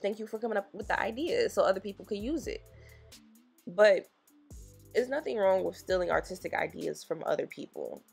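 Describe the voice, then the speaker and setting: A woman nail technician, raspy from just waking up, chatting casually and encouragingly to viewers as she explains her work. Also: medium pitch, expressive, brisk, music in the background. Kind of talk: casual tutorial voice-over.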